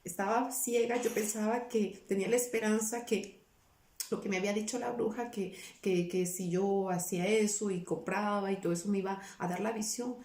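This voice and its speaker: A woman's voice: mid-range voice, fairly even intonation, normal speed, a little mellow. Earnest woman telling her testimony, roomy sound. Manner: earnest, repeats words, quotes her own past pleas. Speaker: guest giving a testimony. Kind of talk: personal testimony, emotional storytelling. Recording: roomy, somewhat distant from the mic.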